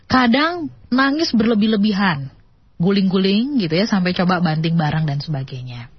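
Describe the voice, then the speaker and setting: A woman's voice: medium pitch, expressive, normal speed, slightly rough, no echo. A woman hosting a radio talk show, reading out listener questions and prompting her guest. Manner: reads listener questions, brief affirming fillers. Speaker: radio host. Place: radio studio. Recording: dull lo-fi radio audio.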